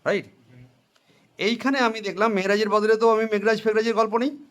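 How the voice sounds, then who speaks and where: A man's voice: sits high, steady tone, brisk, fairly bright tone. A man teaching accounting to a class, questioning students and having them repeat answers, with English and Hindi phrases mixed in. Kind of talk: classroom lecture with call-and-response.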